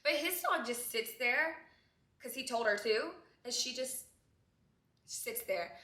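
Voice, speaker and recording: Young woman vlogging a scary story, teary and animated, bright voice, echoey room. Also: on the high side, slow. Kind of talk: emotional storytime vlog.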